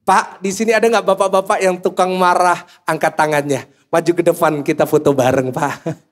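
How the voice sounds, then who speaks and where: A man's voice: on the high side, normal speed. A male pastor preaching a sermon to a congregation, joking and asking the listeners questions. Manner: jokey, animated, asks the congregation questions. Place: church service before a congregation.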